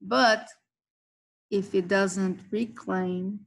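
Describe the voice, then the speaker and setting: A woman's voice: mid-range voice, fairly even intonation, extremely slow, vocal fry, poor audio. A woman hosting a live trading session, walking members through chart levels and price zones. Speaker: trading stream host.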